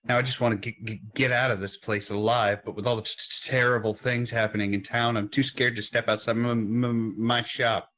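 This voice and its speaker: A man's voice: mid-range voice, level tone, brisk, few pauses, a bit bright, close to an everyday voice. A man voicing a frightened village potter with a heavy, nervous stutter in a fantasy game. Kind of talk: fantasy game role-play.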